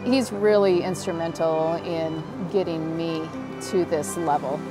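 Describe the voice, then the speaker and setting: A woman's voice: low-pitched, steady tone, measured pace, poor audio. Middle-aged montana woman, outdoor riverside interview, lapel mic, music playing under it. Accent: Montana American. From Montana, USA. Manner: earnest, enthusiastic. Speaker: fly fishing guide and competitor.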